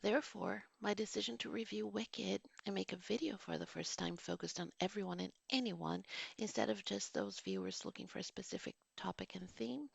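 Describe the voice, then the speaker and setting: This woman in her forties, a vlogger and teacher, reads her written movie review at home with an animated, fairly quick delivery, medium pitch, vocal fry and a slightly rough edge. No echo is present. She moves from formal written lines into offhand, digressive comments.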